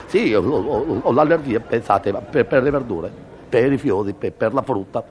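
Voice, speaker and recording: A man's voice: mid-range voice, moderate pace, a little mellow. A man performing a stammering comic monologue, with sneezing fits and mock-noble airs. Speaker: comedian.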